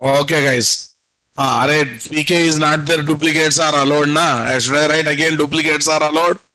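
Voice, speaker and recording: A man's voice: on the high side, fairly even intonation, normal speed, sharp tone, rough recording. A man with a Telugu Indian accent teaching a live online programming lesson, dictating notes, repeating phrases and prompting students with questions. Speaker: programming instructor. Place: indoor room at a computer, video call.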